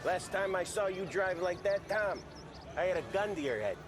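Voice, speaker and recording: An actor playing a gossipy, joking mob crony. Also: male voice, high voice, animated, moderate pace. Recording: distant voice over game music.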